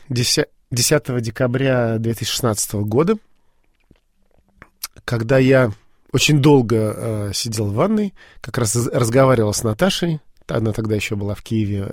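A man as an interview guest, recounting a personal story with many pauses, fillers and restarts. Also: medium pitch, darkish tone, no room sound, studio quality.

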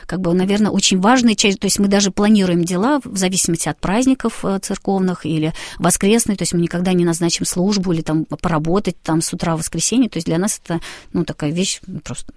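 A woman as an interview guest, talking quickly with some fillers in a casual way. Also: lowish voice, darkish tone, no echo, clean studio sound. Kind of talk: casual conversation.

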